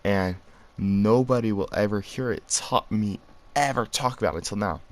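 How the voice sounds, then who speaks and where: Low-voiced young guy telling a story. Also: normal speed. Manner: slangy, rambling, laughs while telling. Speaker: vlogger. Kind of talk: casual storytelling.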